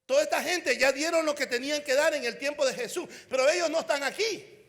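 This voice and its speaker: A man preaching a fervent sermon as an evangelist at a conference, often shouting and calling out to the crowd. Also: very high voice, fast talker, in a large hall. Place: conference hall.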